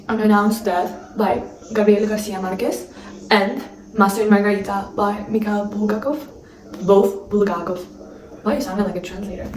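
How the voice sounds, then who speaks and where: A young adult woman vlogs casually, chatting and gushing with lots of fillers in a non-native accent, English not being her first language. Her medium-pitched voice has a darkish tone. She's recorded from a distance in an echoey room, and the recording is rough.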